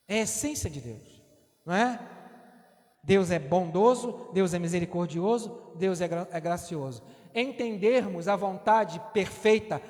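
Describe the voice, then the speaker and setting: A middle-aged man preaching a sermon in a church, talking to the congregation conversationally and often checking in with a quick "right?". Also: high-pitched, darkish tone. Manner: conversational, tags lines with "não é?". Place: church sanctuary. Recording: long church hall reverb.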